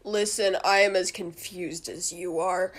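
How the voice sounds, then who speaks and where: A woman's voice: fairly low pitch, fairly even intonation, measured pace. A woman making a casual comedy video, blurting out random words and laughing at herself in disbelief. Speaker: TikTok creator.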